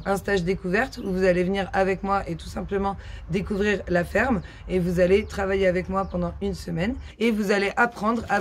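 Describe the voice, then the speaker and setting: A woman from France who runs a horse farm, explaining her work casually, with many pauses and fillers. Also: mid-range voice, slight background noise.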